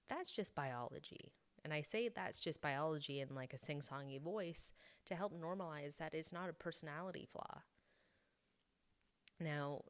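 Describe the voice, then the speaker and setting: A woman hosting a solo podcast, calmly explaining and talking about her own sobriety. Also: rumbling low. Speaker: podcast host.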